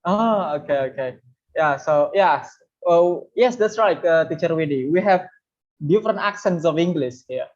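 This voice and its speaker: An English teacher runs an online webinar demo in a casual, chatty way, full of fillers. The voice sits at a middle pitch. The audio is dull and lo-fi, like a typical webinar call. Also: expressive, normal speed, a little mellow. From Indonesia.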